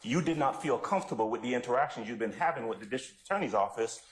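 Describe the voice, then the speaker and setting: A man questioning a witness as a defense attorney in court, putting pointed leading questions in deliberate phrases. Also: mid-range voice, expressive. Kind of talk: courtroom cross-examination. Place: courtroom, indoors. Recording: echoey courtroom sound.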